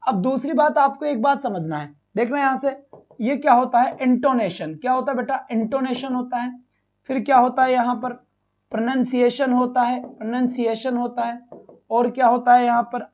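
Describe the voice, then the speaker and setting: A man's voice: very high-pitched, a little mellow, highs cut off. A man teaching a live online exam-prep lesson, asking his students questions, repeating each one and fondly calling them "beta".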